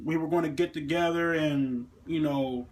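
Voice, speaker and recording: A man with a fairly high voice tells a story in a fired-up, cursing rant. He keeps switching into mocking impressions of the people he describes and addresses the viewer straight on. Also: moderate pace. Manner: heated, swearing constantly, slips into mock voices for others. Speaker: vlogger.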